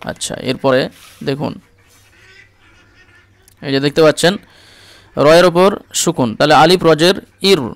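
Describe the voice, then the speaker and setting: A man with a slightly high, smooth and resonant voice leads a patient Quran reading lesson. He spells out each letter and vowel mark, then chants the words in a drawn-out way, checking in often with his learner. The sound is dry and close, with no room around it. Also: no room sound. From India. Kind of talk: step-by-step recitation lesson.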